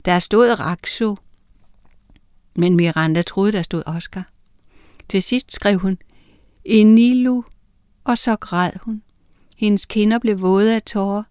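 A woman narrating a children's audiobook, reading with lively character voices. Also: medium pitch, pauses often, clear, resonant tone, dry recording, studio quality.

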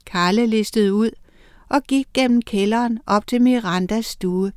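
A woman reading a children's story aloud in a lively, expressive way. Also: fairly high pitch, smooth, dry recording, clean studio sound.

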